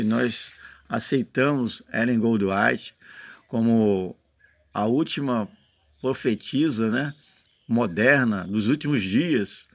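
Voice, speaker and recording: A man's voice: medium pitch, creaky, no room sound, studio quality. A man with a Brazilian Portuguese accent giving an informal sermon in an earnest, explanatory way, sometimes reading passages aloud and often adding short check-in tags to his listeners. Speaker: lay preacher.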